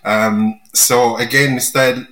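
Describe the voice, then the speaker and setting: Man, bright clear tone, casual podcast chat, unhurried, lots of "um" pauses. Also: mid-range voice, fairly even intonation, echoey room, low-quality recording. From Nigeria. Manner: unhurried, pausing often with "um". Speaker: podcast guest.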